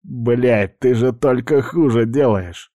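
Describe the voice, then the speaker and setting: A man's voice: mid-range voice, slow, dark tone, no echo, clean studio sound, natural voice. A man voicing a crude, menacing bald male street thug who sneers and swears. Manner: sneering, threatening, foul-mouthed.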